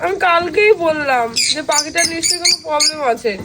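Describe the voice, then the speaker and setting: A woman's voice: high voice, fast talker. A woman, talking in an upset, scolding way during a family conversation. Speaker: vlogger's wife. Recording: noisy home recording.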